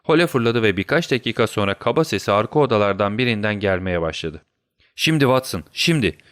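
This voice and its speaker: A man narrating a detective story as an audiobook in a steady storytelling delivery. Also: lowish voice, quick pace, smooth, no echo, studio quality.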